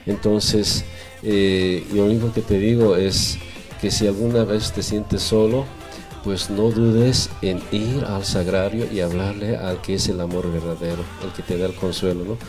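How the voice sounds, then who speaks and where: A man's voice: fairly low pitch, fairly even intonation, a little slow, a little mellow, faint music behind. A man, giving earnest faith-based family advice on a radio show with many tag questions. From Bolivia. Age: 40s. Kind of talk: radio talk with religious counsel.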